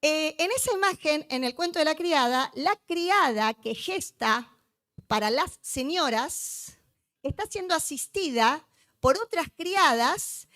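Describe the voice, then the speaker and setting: A woman's voice: high-pitched, expressive, slow, a bit bright, no echo. A woman giving a joking, chatty conference lecture, teasing her live audience. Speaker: conference speaker.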